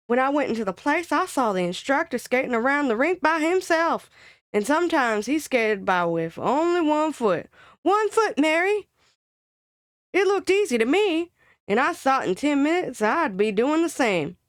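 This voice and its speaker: A chatty, dramatic working-class girl from an old-fashioned comic monologue, as a woman puts her on. She tells her woes in folksy slang with broad exaggeration, her voice pitched high. The sound is dry and close. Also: dry recording. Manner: gabby, colloquial, exaggerated storytelling.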